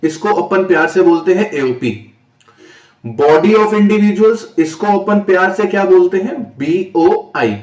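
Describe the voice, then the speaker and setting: A male tax lecturer from northern India, talking in a slightly high voice and often switching to English terms. He poses questions to the class and answers them himself. The recording has a roomy echo. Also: moderate pace, hardly any pauses, dull audio. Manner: mixes English terms into Hindi explanation. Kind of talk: exam-prep classroom lecture.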